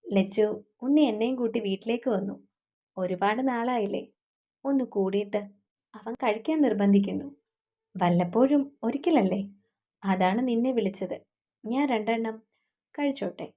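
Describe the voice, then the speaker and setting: A woman's voice: medium pitch, normal speed, pauses often, dark tone, lightly acted. A woman voicing an earnest young man, engaged and devoted to his fiancée, who speaks in a pleading way.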